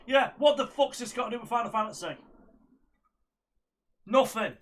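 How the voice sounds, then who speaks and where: A man's voice: very high voice, normal speed, fairly bright tone, soft background music. A man giving casual, blunt reaction commentary as he watches a video. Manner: blunt, swearing.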